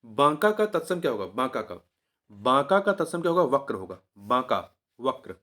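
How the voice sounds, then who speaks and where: A man's voice: medium pitch, big pitch swings, moderate pace, a bit bright. A male teacher giving an exam revision lesson. He repeats each answer several times in a coaxing way and corrects himself mid-sentence.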